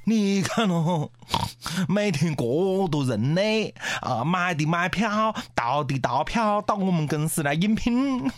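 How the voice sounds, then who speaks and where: A man's voice: high voice, animated, unhurried, no echo, studio quality. A man playing a smug African wild pig. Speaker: zoo job interviewer.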